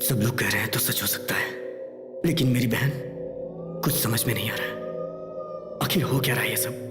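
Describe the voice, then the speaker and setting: A man dubbing a calm, skeptical young man in a film, speaking in a steady, reassuring way. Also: medium pitch, normal speed, over loud music, lightly acted. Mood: bewildered. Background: film score.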